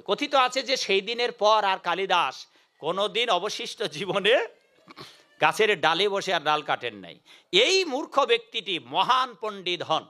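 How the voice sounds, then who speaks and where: A male preacher delivers a devotional sermon. His voice sits high and rings brightly as he tells a folk tale with lively, animated delivery. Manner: animated, acts out story voices.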